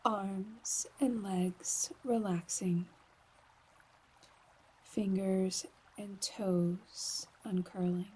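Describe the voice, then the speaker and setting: Soft and breathy, often almost whispering, a woman's medium-pitched voice guides a slow yoga nidra meditation. Her delivery is calm and soothing, with long pauses, and the recording quality is poor.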